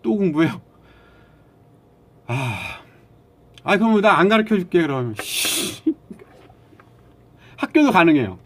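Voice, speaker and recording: Blunt, lively man lecturing his stream chat. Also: high voice, slow, long pauses. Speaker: live streamer. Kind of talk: casual live-stream chat with viewers.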